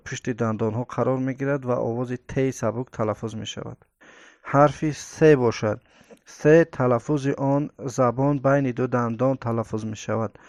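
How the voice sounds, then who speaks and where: A man teaches Arabic letter sounds in a careful, step-by-step lesson. His voice sits at an ordinary middle pitch and sounds dry and close to the mic. He lingers on each sound and fills the gaps with hesitant "uh"s. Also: dry recording, highs cut off. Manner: slow and deliberate, repeats each sound aloud with many hesitant "uh" fillers. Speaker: Quran and Arabic alphabet teacher.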